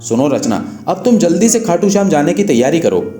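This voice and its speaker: A man's voice: on the high side, sing-song, fairly quick, dark tone, voice pushed up. A man voicing an emotional young father who cries out in a raised voice, recorded in an echoey room with faint guitar music. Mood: practical. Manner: raised, crying out.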